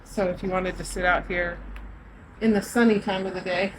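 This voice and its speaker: A woman's voice: lowish voice, steady tone, moderate pace. A woman talking in a chatty, upbeat, enthusiastic way as a travel vlogger. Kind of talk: casual travel vlog. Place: outdoors on a terrace and a hill. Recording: background noise outdoors.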